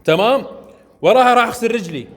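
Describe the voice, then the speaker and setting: A man's voice: very high-pitched, lively intonation, quick pace, long reverb tail. A man with an Iraqi Arabic accent teaching students at a mosque, demonstrating step by step and often checking that they follow. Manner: coaxing, keeps checking understanding. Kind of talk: hands-on religious lesson to students. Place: mosque ablution area.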